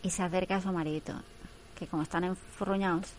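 A woman's voice: lowish voice, steady tone, fast, a little hiss or hum. A woman giving casual, teasing running commentary on a TV episode. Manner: chatty, teasing, laughs often.

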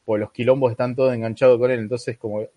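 A man's voice: mid-range voice, little pitch movement, quick pace, dry recording, dull audio. A young man with a Rioplatense accent, chatting casually about a movie as podcast co-host, with many fillers and restarts, in a dry recording. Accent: Rioplatense Spanish. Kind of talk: casual film review chat.

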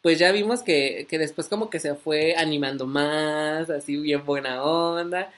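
A man's voice: a little high, unhurried, fairly bright tone. Chatty young Mexican man rambling. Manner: rambling and chatty, full of fillers and asides. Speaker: vlogger. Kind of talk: casual storytelling.

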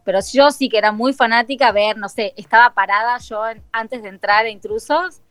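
This is a young woman with a Tucumán accent, telling stories in a chatty, informal way. Her voice sits a little high, and the room is dry and close. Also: fairly quick, dry recording. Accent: Tucumán Argentine Spanish. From Tucumán, Argentina. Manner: chatty storyteller, lively and informal. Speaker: guest. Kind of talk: casual chat.

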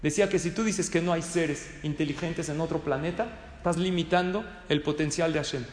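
Male rabbi-teacher, high voice, storytelling lecture style, recorded in a reverberant hall. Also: steady tone, fairly quick, a little hiss or hum. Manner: storytelling, poses questions to the audience. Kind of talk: religious study lecture. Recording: echoey hall.

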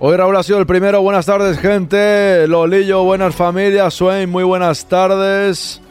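A man's voice: high-pitched, flat delivery, unhurried, music in the background. Chatty jokey man hosting. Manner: jokey, chatty, reads chat messages aloud. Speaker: podcast host. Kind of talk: live-stream chat greeting viewers.

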